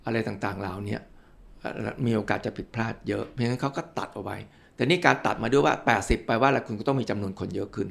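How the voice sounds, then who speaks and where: A man's voice: mid-range voice, fast, gravelly, fairly bright tone. An older male physician from Thailand, a guest in an interview, explaining with worked examples and politely addressing the listeners.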